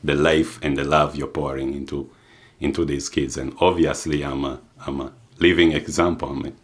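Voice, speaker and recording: Man from Uganda, very low voice, reflective testimony, unhurried, fillers and restarts. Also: little pitch movement. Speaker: adoptee sharing experience.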